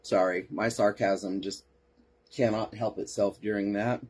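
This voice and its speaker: A man's voice: on the low side, fairly even intonation, measured pace, a little mellow, husky. A man hosting a podcast, reading case reports aloud and breaking off for sarcastic asides and replies to listeners. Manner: sarcastic asides, answers chat comments. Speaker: podcast host.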